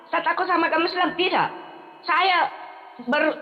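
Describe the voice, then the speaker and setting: High-voiced caller in his late thirties. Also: long reverb tail, dull audio. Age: 30s. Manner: halting, pleading, with restarts. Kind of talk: tense call-in argument.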